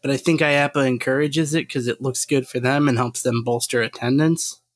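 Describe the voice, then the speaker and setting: A man's voice: mid-range voice, steady tone, normal speed, no room sound. A man co-hosting a podcast in a casual, rambling chat, laughing often and swearing lightly. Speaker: podcast co-host.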